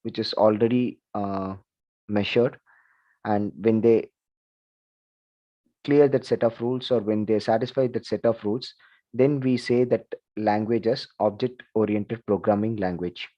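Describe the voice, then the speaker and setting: A man's voice: fairly low pitch, steady tone, unhurried, muffled recording. A man teaching an online class, chatty, asking the students questions and saying "like" and "okay" often. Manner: conversational, repeats "like" and "okay", asks the class questions. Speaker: lecturer. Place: video call.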